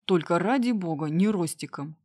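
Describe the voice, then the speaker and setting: A woman voicing a calm, friendly young male lecturer who speaks softly and a little unsure. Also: lowish voice, normal speed, dry recording, clean studio sound. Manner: soft, slightly unsure.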